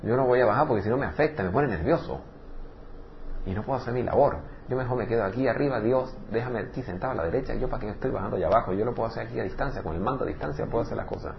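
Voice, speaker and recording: A man voicing Jesus in a quick, offhand way, calm and unbothered. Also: mid-range voice, vocal fry, muffled recording, slight background noise, close to an everyday voice.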